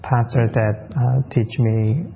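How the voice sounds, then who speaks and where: A man working as a live interpreter voice, rendering a pastor's words into English in the first person in short, halting phrases with restarts. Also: medium pitch, steady tone, gravelly. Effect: live interpreter voice, translating a pastor into English in the first person. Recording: muffled radio broadcast with faint music bed.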